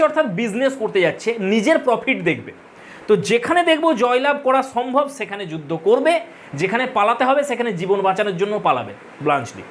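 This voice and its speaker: A woman's voice: on the high side, slight background noise. Woman teacher explaining a play. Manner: explanatory, addresses viewers as friends; mixes English terms into explanations. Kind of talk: recorded literature lesson.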